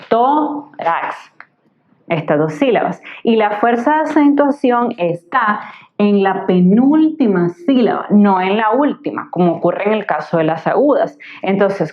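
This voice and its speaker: A woman tutor giving a patient, explanatory grammar lesson, slowly sounding out words syllable by syllable. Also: medium pitch. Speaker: Spanish tutor. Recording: slightly dull lo-fi recording.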